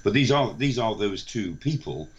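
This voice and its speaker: An older British man with a lowish voice and a very lively, swooping delivery. He explains news analysis emphatically and off the cuff. The sound is a little dull. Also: moderate pace. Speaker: defence expert guest, professor.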